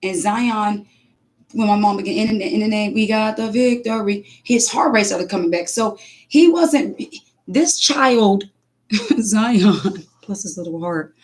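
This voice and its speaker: A mother speaking casually, telling an animated spiritual testimony full of restarts and acted-out quotes. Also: medium pitch, unhurried.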